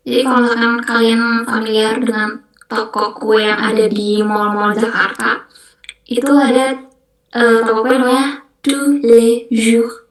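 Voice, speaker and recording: A young woman with a fairly high voice teaches a beginner class at an unhurried pace. She says each word carefully and repeats it patiently. Her voice rings a little in an echoey room. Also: little pitch movement. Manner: slow, patient explanations, repeating words carefully. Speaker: French language mentor. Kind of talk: online beginner language lesson.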